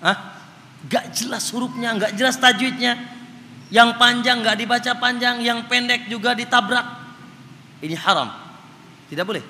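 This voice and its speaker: In a hall with reverb and faint noise, a religious teacher leads a Quran study lecture at a normal pace, pausing often. His voice is extremely high, pushed and bright; he calls his audience Pak and chants examples of recitation.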